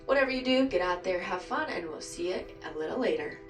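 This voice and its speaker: A woman making a firm, scripted announcement over a cruise ship's public address loudspeaker. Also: mid-range voice, lively intonation, fast talker, soft background music. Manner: firm, clear instructions. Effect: ship public address loudspeaker. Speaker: ship announcer. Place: cabin aboard a cruise ship, heard over the PA. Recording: echoey loudspeaker heard from far off.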